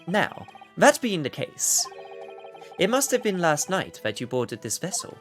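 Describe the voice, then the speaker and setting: A man's voice: fairly high pitch, huge pitch swings, measured pace, faint music behind, voice pushed up. A man voicing an eccentric, inquisitive detective in a video game, with pompous, theatrical phrasing. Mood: probing, theatrical. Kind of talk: video game voice-over read aloud.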